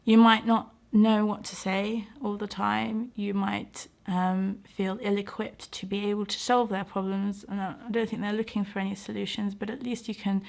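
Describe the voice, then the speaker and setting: Her medium-pitched voice carries vocal fry and a slightly mellow quality. She's a middle-aged British doctor and community organiser giving an interview, speaking reflectively and earnestly, often hesitating to find the right words.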